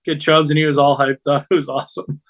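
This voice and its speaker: Male co-host, fairly high-pitched, informal and slangy, rambling through casual sports stories. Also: level tone, quick pace, a bit bright. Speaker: podcast co-host. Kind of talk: casual sports betting chat.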